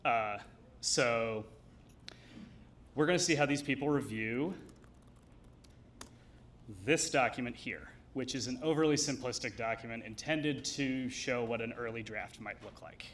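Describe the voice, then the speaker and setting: A man giving a live technical demo, explaining it in a hesitant, measured way. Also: medium pitch, a bit bright, a little hiss or hum. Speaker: engineer presenting a demo.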